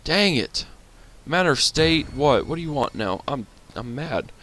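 A man's voice: medium pitch, very animated, measured pace, fairly bright tone. A man commenting casually on his strategy game as he plays, grumbling at setbacks and talking to his units. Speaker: gaming channel host.

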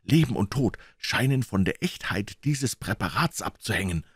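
A man's voice: fairly low pitch, expressive, moderate pace, husky, no echo, studio quality. A man voicing an old, loyal male servant who speaks in an urgent, pleading way in a storybook reading.

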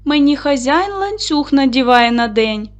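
A woman's voice: sits high, lively intonation, a little slow, faint music behind, pitched above the performer's own voice. A woman voicing a friendly, well-fed male guard dog in a folk tale read aloud to children.

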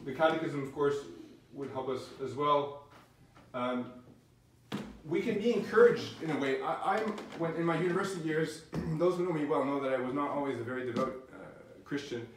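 A middle-aged physician giving a faith-based lecture, speaking earnestly and haltingly, with many restarts. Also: male voice, fairly high pitch. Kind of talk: faith-based academic talk. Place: lecture room. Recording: very echoey room, distant mic, faint noise.

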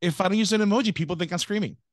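Rambling man, higher pitched, dry sound. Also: very fast, no echo. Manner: rambling, self-interrupting, prone to tangents. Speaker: podcast co-host. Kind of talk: casual business podcast chat.

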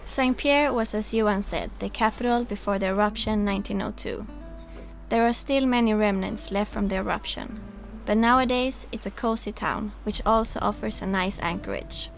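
Woman, vlog voice-over, calm, informative, gravelly, music behind. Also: mid-range voice, normal speed. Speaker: sailing vlog host.

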